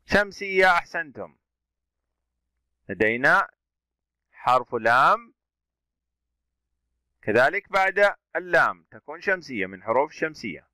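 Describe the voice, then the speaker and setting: Male teacher, bright animated delivery, slow letter-by-letter drill, questions and praise. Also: fairly high pitch, dry recording. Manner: slow, sounding out letters and vowels one by one; asks questions and praises pupils. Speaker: Arabic teacher. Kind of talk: classroom reading drill.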